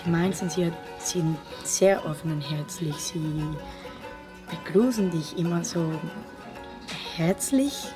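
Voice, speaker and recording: A young woman from Mexico speaks German, in a lowish voice. She talks in an animated way. Guitar music plays clearly behind her. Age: young adult. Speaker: international student.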